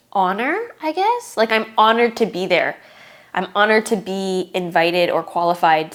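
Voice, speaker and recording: A young woman talking casually to her viewers in a vlog, earnest and emotional, with lots of filler words. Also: medium pitch. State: tearful at times. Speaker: fitness competitor and vlogger.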